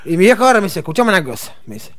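A man in his thirties with an Argentine accent, telling comic stories on live radio in a deadpan, ironic way. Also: high voice, racing. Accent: Argentine Spanish. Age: 30s. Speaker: comedy segment host. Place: radio studio.

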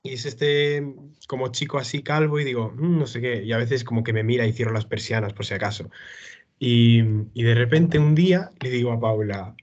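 A man's voice: mid-range voice, moderate pace, a little mellow, dull audio. A young man telling a funny story in casual chat, hesitant and full of fillers.

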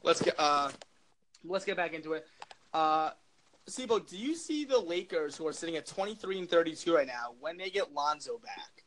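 A man's voice: a little high, animated, normal speed, fairly bright tone, low-quality recording. A young man hosting a casual sports podcast, asking questions and rambling with lots of fillers. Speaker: podcast host.

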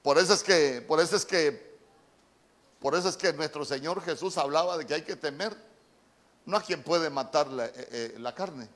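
A male pastor preaching a sermon, slow and deliberate, repeating key words as he teaches from the Bible. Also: on the high side, a bit bright. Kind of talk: sermon with Bible word study.

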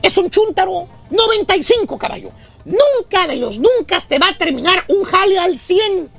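High, gravelly Mexican man ranting for laughs. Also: sing-song, normal speed, fairly bright tone, soft background music. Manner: scolding, mocking storyteller acting out dialogue. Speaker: radio comedy host. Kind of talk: comic radio rant.

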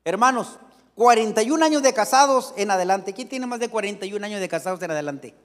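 A middle-aged preacher with a strikingly high voice for a man delivers a folksy, joking sermon and keeps turning to his congregation. His words ring out with a long reverb through a church hall. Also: lively intonation, fast, a bit bright.

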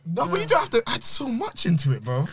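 A man's voice: extremely high pitch, quick pace, a crowd in the background. A young man in casual slangy chat, interjecting and repeating himself. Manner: slangy, repetitive, animated interjecting. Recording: loud background noise, clicks.

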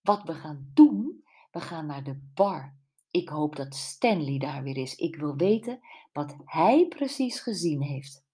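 A determined woman detective in an audiobook mystery, as a woman narrator voices her. Her voice is low and husky, and she speaks slowly. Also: very animated, mellow, exaggerated voice. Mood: decisive.

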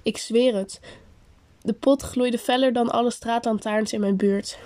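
A woman reading a first-person story aloud in a steady, unhurried way with pauses. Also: on the high side. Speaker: story narrator.

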